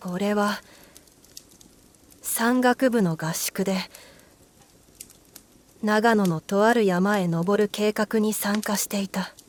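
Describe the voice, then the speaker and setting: Woman, hushed creepy ghost story narration, very slow pace, deliberate pauses, medium pitch.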